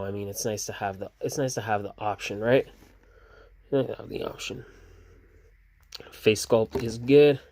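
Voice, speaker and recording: A relaxed man talks through his toy figures in a rambling, casual way, his voice sitting a little low. He sounds sleepy and stops and restarts often. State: sleepy, yawning. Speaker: toy collector reviewing action figures.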